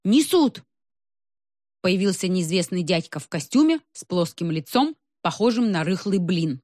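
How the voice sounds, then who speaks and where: Expressive woman reading a wry story. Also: fairly low pitch, moderate pace, no room sound, studio quality. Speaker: audiobook reader. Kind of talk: scripted narration.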